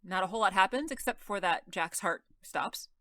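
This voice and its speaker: A woman's voice: medium pitch, moderate pace, bright, forceful tone, dry recording. A woman co-hosting a podcast, recapping an episode in casual chat, laughing often and quoting the characters' lines. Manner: chatty, laughs often, retells scenes with quoted lines. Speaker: podcast co-host.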